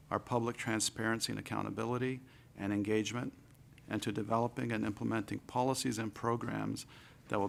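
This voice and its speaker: A man, a deputy minister, giving formal committee testimony in a low-key, monotone delivery. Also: vocal fry, a little hiss or hum. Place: legislative committee room.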